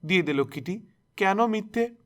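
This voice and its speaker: A man voicing a sharp-tongued, gossiping female relative who accuses briskly. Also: high-pitched, lively intonation, pitched above the performer's own voice. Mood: accusing.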